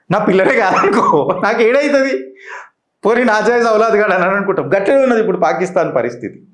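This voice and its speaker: A man's voice: sits high, reverberant. A man with a Telangana Telugu accent giving heated political commentary, mocking his targets and firing rhetorical questions at the audience.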